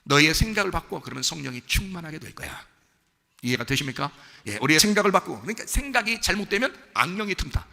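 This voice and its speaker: A man's voice: a little high, sing-song, fast, gravelly, sharp tone, big-room sound. A male pastor preaching to his congregation in a conversational way, asking them questions and acting out a father and his child. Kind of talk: sermon. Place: church sanctuary.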